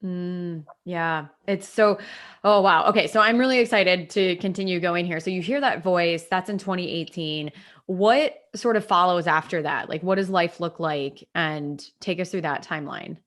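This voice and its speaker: A woman hosting a podcast interview in a casual, encouraging way. She often says "like" and gives soft "mm" backchannels. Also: on the low side, moderate pace. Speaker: podcast host.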